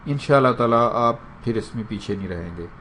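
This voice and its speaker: Pakistani guy teaching english, says each phrase slow over and over, bit of faint hiss behind. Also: medium pitch, lively intonation, fairly bright tone. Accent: Pakistani Urdu. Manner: repeats English phrases slowly for drilling. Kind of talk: spoken language lesson.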